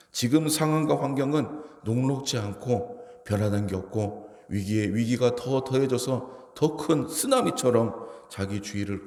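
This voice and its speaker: Gravelly-voiced male pastor in echoey hall. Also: medium pitch, a little mellow. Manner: preaching with rising emphatic exhortations. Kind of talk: sermon. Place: church sanctuary.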